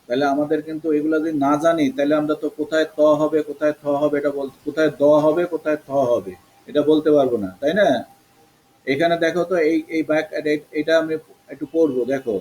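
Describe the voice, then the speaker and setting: A man teaching an online English pronunciation class, slowly drilling and repeating sounds for his pupils. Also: on the high side, fairly even intonation, a little mellow, slight background noise, rough recording. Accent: Bangladeshi. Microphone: video call.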